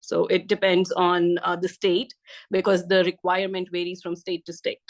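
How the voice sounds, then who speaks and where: Low, flat-voiced woman with Indian accent. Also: moderate pace. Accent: Indian English. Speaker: physical therapist guest. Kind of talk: podcast interview.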